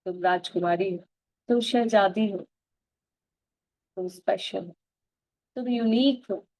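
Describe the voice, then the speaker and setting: A woman leading a self-affirmation practice, speaking Hindi mixed with English and slowly repeating loving phrases to herself. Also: medium pitch, a little mellow, dry recording, rough recording.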